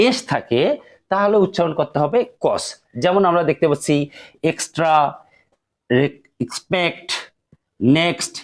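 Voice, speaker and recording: Slow-paced male English teacher. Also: high-pitched, a little mellow. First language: Bengali. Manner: slow, careful, repeats example words. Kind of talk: explaining pronunciation rules.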